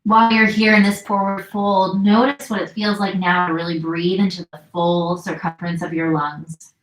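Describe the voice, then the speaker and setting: Calm woman guiding yoga in an echoey room. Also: lowish voice. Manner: calm, slow, soothing cues with gentle pauses. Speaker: yoga instructor and counselor. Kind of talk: guided yin yoga instruction. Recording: roomy echo.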